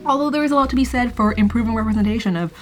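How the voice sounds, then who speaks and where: A woman's voice: a little high, rapid-fire, soft background music. A young woman talking casually to camera in a vlog, rambling and self-deprecating with wry asides, in a small room. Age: young adult. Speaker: student vlogger. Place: small room by a thin wall.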